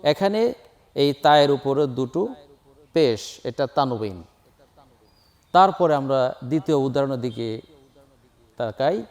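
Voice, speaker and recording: A man teaching Quran reading, drilling Arabic letters and sounds and chanting each syllable louder and higher. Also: lively intonation, slow, pauses often.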